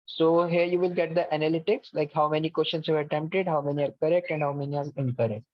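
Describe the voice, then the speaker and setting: This fast-talking man has a fairly high pitch and fairly even intonation as he walks students through an online class platform, often dropping an "okay" between patient step-by-step instructions. It's captured on a video call mic, dull and lo-fi, with a dry sound and no echo.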